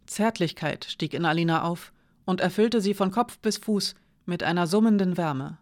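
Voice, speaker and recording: An audiobook narrator reading a fantasy novel in an even, measured storytelling voice. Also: medium pitch.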